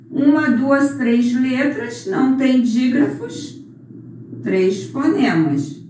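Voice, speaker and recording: Lady teacher going over grammar answers real slow, stretches out the words. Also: a little high, a little mellow. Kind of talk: recorded remote class correcting exercises.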